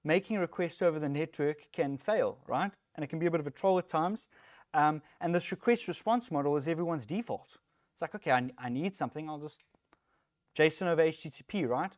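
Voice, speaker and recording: Speaking at a developer meetup, a South African tech lead in his thirties chats easily, pokes fun at himself, and says um often. His voice sits a little high and moves fairly quickly. The meetup room recording is dry and studio quality.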